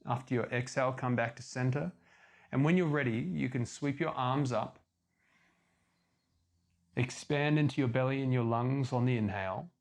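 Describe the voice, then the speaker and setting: A man leading a guided yoga class as instructor, giving calm, measured step-by-step cues. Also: mid-range voice.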